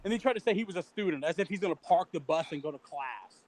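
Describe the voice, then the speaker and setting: A man's voice: fairly high pitch, lively intonation, fast, darkish tone, a little hiss or hum, rough recording. A man co-hosting a casual livestream chat, ranting heatedly with profanity and mocking quotes. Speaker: livestream co-host.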